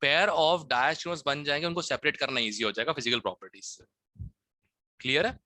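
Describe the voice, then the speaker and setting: A man's voice: on the high side, normal speed, bright, forceful tone, no echo. A man teaching a chemistry class, explaining test questions and often checking that students follow. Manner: Hinglish teaching, frequent "ठीक है?" checks.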